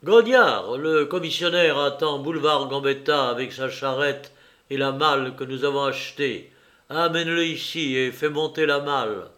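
A man reading an audiobook, voicing a cool, commanding gentleman burglar who gives brisk, ironic orders, a little higher and louder than his narration. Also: natural voice. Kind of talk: audiobook character voice.

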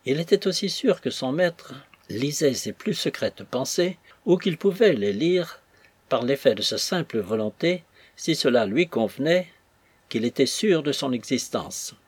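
A man narrating a classic novel as an audiobook in a measured, literary storytelling manner. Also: medium pitch, slightly rough, no echo.

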